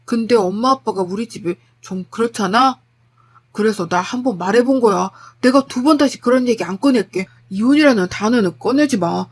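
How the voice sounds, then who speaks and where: A meek, wheedling young husband, voiced by a woman storyteller in her own fairly high register. He coaxes and begs softly and apologetically. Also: moderate pace, breathy edge. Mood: begging. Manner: coaxing, apologetic. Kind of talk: storytelling with acted dialogue.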